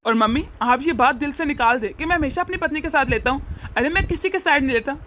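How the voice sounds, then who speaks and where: A woman voicing a young married son who earnestly pleads with and lectures his family in an animated family drama. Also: sits high, slight background noise.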